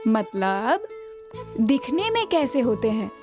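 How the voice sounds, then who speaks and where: A woman's voice: fairly high pitch, sing-song, slow pace, over music. An actress dubbing a coy, teasing young woman in love in a film. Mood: curious. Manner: coy and playfully sulky. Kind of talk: dubbed film dialogue. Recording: film score under the dialogue.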